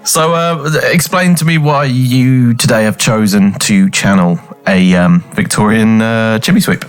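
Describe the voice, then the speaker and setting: Man, podcast co-host, laid-back, relaxed casual chat, faint music behind. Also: on the low side, unhurried, smooth.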